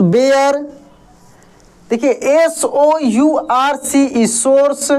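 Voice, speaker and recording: Woman teacher, high voice, slow and patient, spelling words letter by letter, asking the class to read them back. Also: a little mellow. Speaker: English teacher. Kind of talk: phonics lesson for beginners.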